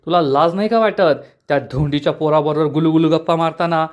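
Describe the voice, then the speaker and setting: A man's voice: fairly high pitch, fairly even intonation, brisk, muffled recording, lightly acted. A man voicing a strict village aunt furiously scolding her daughter.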